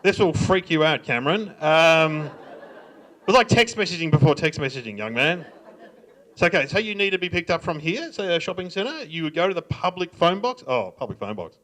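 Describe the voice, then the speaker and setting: A man's voice: on the high side, big pitch swings, moderate pace, a bit bright. A middle-aged Australian man telling funny stories at a live stand-up show, laughing and mimicking. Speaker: comedian. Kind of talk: stand-up storytelling. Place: library event room.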